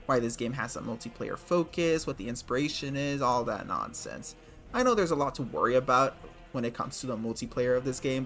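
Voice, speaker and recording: A man's voice: mid-range voice, fairly bright tone. Man, casual gaming commentary, sarcastic, swears freely, faint music behind. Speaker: gaming video creator.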